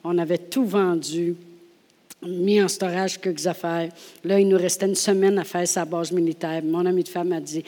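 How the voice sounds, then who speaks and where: A woman with a Québécois French accent preaching a sermon, telling the story with animation, laughing often and swinging from hushed asides to loud acted-out lines. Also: lowish voice, steady tone, moderate pace, in a large hall.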